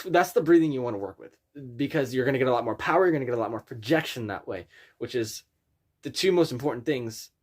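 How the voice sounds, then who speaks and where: Male vocal coach, mid-pitched, informal and halting, talking through technique in a loose tutorial style. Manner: informal, rambling, halting explanations. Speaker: scream vocal instructor. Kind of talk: casual spoken tutorial with vocal demonstrations.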